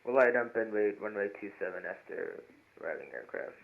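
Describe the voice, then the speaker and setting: Tinny low male pilot over radio. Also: expressive, a little fast, vocal fry. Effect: pilot over aircraft radio. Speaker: airline pilot. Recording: tinny phone-like radio transmission.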